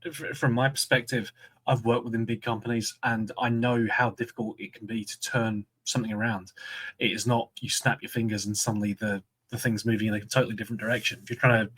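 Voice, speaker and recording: Measured Scottish man hosting. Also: medium pitch, steady tone, a bit bright, husky, rough recording. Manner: measured, steers the discussion. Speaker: podcast host. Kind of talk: casual football chat.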